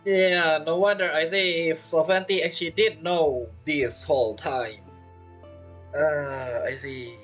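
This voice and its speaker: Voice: medium pitch, steady tone, slow, a bit bright, faint music behind. A game streamer giving casual reaction commentary and theorizing aloud.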